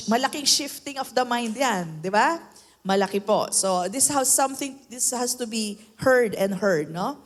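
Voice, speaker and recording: A Filipino woman pastor delivers a sermon in a high voice, unhurried and deliberate. She mixes Tagalog with English and keeps asking the congregation for amens. Her voice rings with a long reverb, as in a large hall. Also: fairly bright tone.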